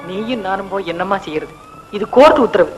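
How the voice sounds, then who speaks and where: Calm son talking his mom down. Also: high-pitched, fast talker, faint music behind, rough recording. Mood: reassuring.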